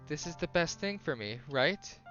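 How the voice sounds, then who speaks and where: A man voicing a shy, anxious teenage girl in love, speaking softly and haltingly. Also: on the high side, expressive, lo-fi sound, soft background music, pitched above the performer's own voice. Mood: sad, unsure. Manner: soft, hesitant, halting.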